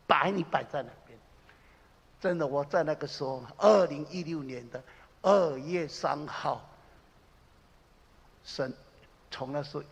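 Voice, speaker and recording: A man preaching a sermon as a pastor, impassioned, swinging between loud exclamations and low confiding asides. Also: breathy edge. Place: church sanctuary. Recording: reverberant church hall.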